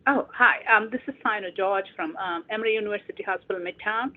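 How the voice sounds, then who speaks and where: A woman's voice: medium pitch, quick pace. Woman on a tinny phone line. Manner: hesitant, many ums. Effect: heard over a phone line. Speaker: hospital staff member sharing practice at an online meeting. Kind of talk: unscripted remarks on a group call.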